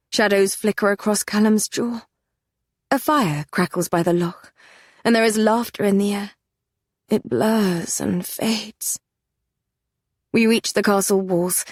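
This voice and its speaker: A woman's voice: mid-range voice, no echo, clean studio sound. A woman narrating a first-person fantasy romance audiobook with an intense, dramatic delivery.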